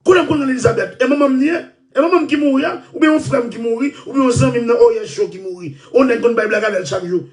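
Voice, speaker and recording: A man with a Haitian Creole accent, ranting loudly and repeating himself. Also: very high voice, a little fast, few pauses, far from the mic. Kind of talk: impassioned rant.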